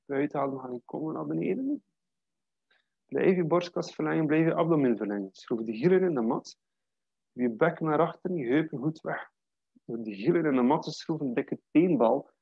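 A man guiding a yoga class, calmly cueing breath and posture in a steady way. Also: medium pitch, vocal fry, breathy edge, dry recording, highs cut off. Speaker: yoga teacher. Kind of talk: guided yoga class instruction.

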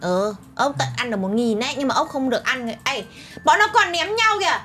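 Very high-pitched excitable young woman. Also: brisk, soft background music. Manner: squealing, excitable, whiny. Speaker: co-player. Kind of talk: playful gameplay chat.

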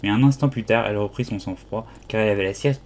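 Low-voiced man reading an audiobook. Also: quick pace, a little mellow, slight background noise. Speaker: audiobook reader. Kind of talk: audiobook narration.

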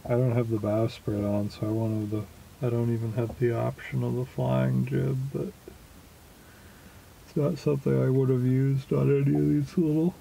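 Man, gravelly voice, very dark tone, halting casual talk, small boat cabin, faint background noise. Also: mid-range voice, little pitch movement, low-quality recording. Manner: slow, halting, many fillers. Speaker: small boat sailor vlogging. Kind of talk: casual spoken log.

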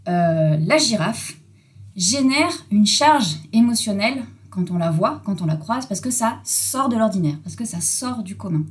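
A woman in her forties hosting a casual solo podcast, chatty and self-mocking, with many fillers and asides. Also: medium pitch. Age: 40s. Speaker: podcast host.

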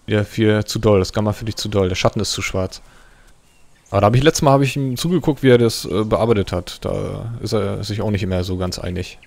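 A man's voice: lowish voice, fairly quick, creaky, a little mellow, dry recording. A man with a German accent co-hosting a let's play, easygoing and chatty, flustered when chased. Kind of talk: casual gaming chat.

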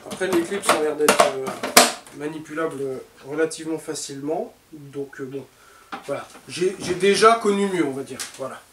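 A crowd can be heard behind this chatty woodworking host, whose voice is fairly high and normal in speed. He unboxes tools informally in a cluttered, echoey home workshop, calling viewers "les gars," with a distant camera mic adding roomy echo and faint noise.

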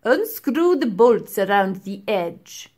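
A woman's voice: mid-range voice, sing-song, slow pace. A woman voicing a stern, impatient male professor who barks orders and belittles a child. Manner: sharp, commanding, belittling.

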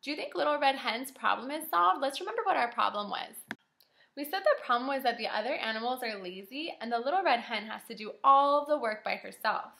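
A young woman who teaches kindergarten reads aloud and asks children questions, encouraging and carefully articulated. Her high, creaky voice is animated, a little fast, pushed and bright. The home video from a small indoor room sounds roomy and echoing, with a little hiss or hum.

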